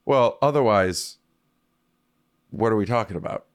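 A man co-hosting a comedy podcast in casual chat, goofy and jumping between bits and silly voices, sounding high. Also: expressive, a little slow, clear, resonant tone, dry recording, clean studio sound. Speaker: podcast co-host.

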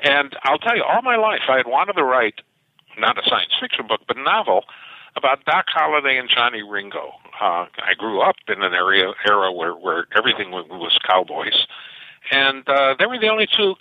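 Over a tinny, dry phone connection, an older science fiction author tells stories in an interview, frequently starting over. His mid-range voice is very animated and keeps a moderate pace.

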